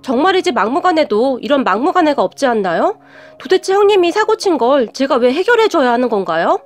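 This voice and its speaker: A woman's voice: high-pitched, very animated, a little fast, faint music behind. A woman narrating a scripted first-person family story in an indignant, confiding way.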